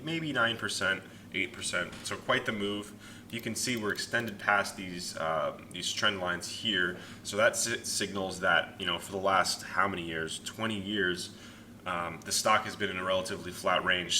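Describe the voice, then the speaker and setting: Young man, lowish pitch, forceful bright tone, informal stock commentary, chatty host, faint background noise. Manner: informal, chatty, hedges his opinions. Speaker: host of a stock market analysis channel. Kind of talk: casual market commentary to viewers.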